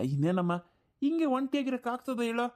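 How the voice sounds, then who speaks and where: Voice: mid-range voice, sing-song, measured pace, darkish tone. A performer doing a whiny, lazy grown son. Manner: whiny, complaining. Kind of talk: cartoon voice acting.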